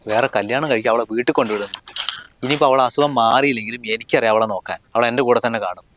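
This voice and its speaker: A protective young husband, acted by a man speaks quickly and firmly, indignant one moment and reassuring the next. His pitch sits mid-range, with faint music underneath. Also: background noise, lightly acted. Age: young adult. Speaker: husband and son. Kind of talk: family short film acting.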